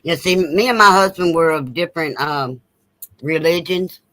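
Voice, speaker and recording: A woman's voice: sits low, normal speed, pushed and bright, no room sound, poor audio. A woman, co-hosting a casual chat and telling personal stories candidly and earnestly. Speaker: co-host.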